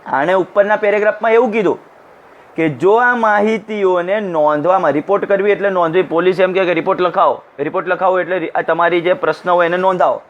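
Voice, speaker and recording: A man's voice: sits high, fairly quick, muffled recording. A man teaching a class, explaining an English lesson line by line, translating each phrase and briefly acting out the lines. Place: recorded for an online class.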